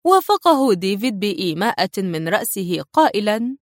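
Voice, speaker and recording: A woman narrating a thriller audiobook in a dramatic, expressive reading style. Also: medium pitch, fairly quick, dry recording, clean studio sound.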